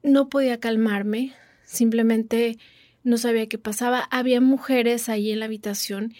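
A woman's voice: on the high side, fairly even intonation, normal speed, a little mellow, dry recording, clean studio sound. A woman, earnestly telling a personal story in a casual, reflective way and acting out what others said. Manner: earnest, reflective, acts out quoted lines.

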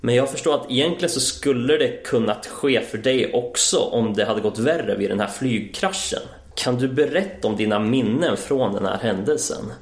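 Relaxed male radio host. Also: medium pitch, hardly any pauses, echoey room. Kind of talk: quiz and interview.

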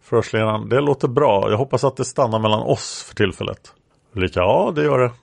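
A calm, formal male police interrogator, read out by a man. His questions are delivered in a procedural, unacted reading with a creaky edge. The sound is dry, with no room. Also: mid-range voice, no room sound. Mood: questioning.

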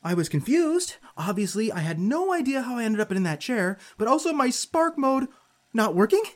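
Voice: medium pitch, very animated, normal speed, lightly acted. A performer playing a spirited, sarcastic youngster who narrates an audio drama in an informal, candid way. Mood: candid, flustered.

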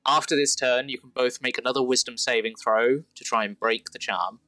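A man's voice: mid-range voice, fairly even intonation, fairly quick, pushed and bright, dry recording, rough recording. A man narrating a tabletop role-playing game as game master.

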